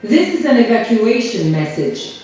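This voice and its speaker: A woman's prerecorded evacuation announcement, calm and formal, played over a public address loudspeaker. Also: on the high side, normal speed, soft background music. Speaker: recorded emergency announcer. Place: seminar room with a demo sound system. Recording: echoey loudspeaker sound from far off.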